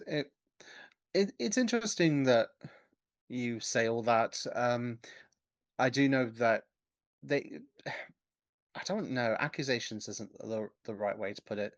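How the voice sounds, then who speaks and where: A man's voice: mid-range voice, no room sound, dull audio. Podcast cohost guy, mid voice, stops a lot looking for the right word, dry close sound. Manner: measured, searching for words, hesitant. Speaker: podcast co-host. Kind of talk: casual podcast discussion.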